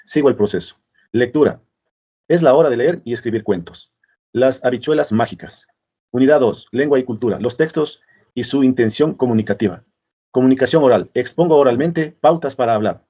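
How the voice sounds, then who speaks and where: Male presenter, steady reading of headings; muffled lo-fi sound. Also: mid-range voice. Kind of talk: reading a curriculum list aloud.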